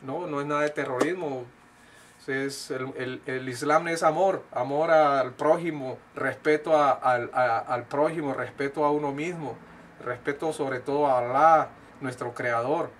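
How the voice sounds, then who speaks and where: Middle-aged man from Colombia, earnest to-camera talk, mid-pitched, faint background hiss. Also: steady tone, unhurried, fairly bright tone. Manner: earnest, gestures a lot, frequent fillers and restarts. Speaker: speaker giving a personal talk. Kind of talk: casual direct-to-camera talk. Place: indoor studio with blue backdrop.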